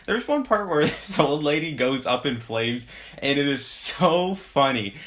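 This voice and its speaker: A man's voice: a little high, lively intonation, measured pace, a bit bright. A young man giving a casual video movie review, sarcastic and laughing while he talks.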